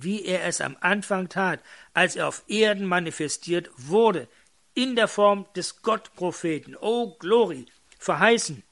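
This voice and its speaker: A man's voice: high voice, fairly bright tone. A man preaching a fervent sermon, quoting scripture and calling out exclamations to his congregation.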